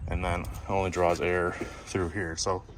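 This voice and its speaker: A man with a low, easygoing voice talks through a car install as he works on it. He explains each step plainly and casually. Faint outdoor ambience sits behind him. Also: moderate pace, noisy background. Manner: relaxed, explains step by step while working. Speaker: car DIY vlogger. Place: outdoors by a car engine bay.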